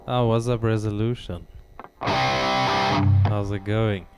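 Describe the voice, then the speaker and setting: Deep voiced guy streaming from his home studio, laid back chat with viewers, laughs a lot. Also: steady tone, slow pace, over loud music. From South Africa. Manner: chatty, laughs often. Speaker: livestreamer. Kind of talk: casual livestream chat with viewers. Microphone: studio dynamic microphone.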